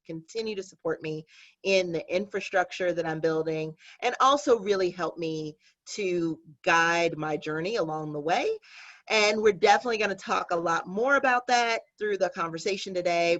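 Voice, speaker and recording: Steady earnest woman, kinda low voice, muffled call audio. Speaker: panelist, business owner. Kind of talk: prepared panel remarks.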